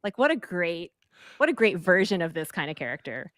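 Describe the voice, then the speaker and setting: Frank, lower-voiced woman film guest. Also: very animated, a little fast, a bit bright, no room sound, studio quality. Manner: candid, opinionated, joking. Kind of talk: casual film discussion.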